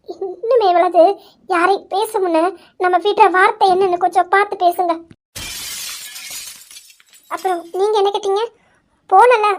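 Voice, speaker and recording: A woman voicing a fiery young woman who indignantly defends her brother in an amateur audio drama. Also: extremely high pitch. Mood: reproachful. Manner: indignant, demanding, repeats questions.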